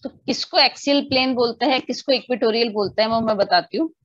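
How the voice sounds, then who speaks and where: Woman, physics teacher, patient step-by-step online lecture, higher voice, dull close-miked sound. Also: quick pace, no room sound. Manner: explains step by step, often asking students if they understood; mixes English definitions into the explanation.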